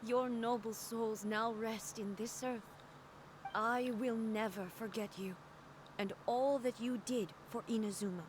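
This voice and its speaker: Solemn goddess-ruler, slow and measured, game audio over steady ambience. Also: female voice, fairly high pitch, slight background noise. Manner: slow, measured, grave delivery. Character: solemn, regal female god-ruler, grave and resolute. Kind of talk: game character dialogue.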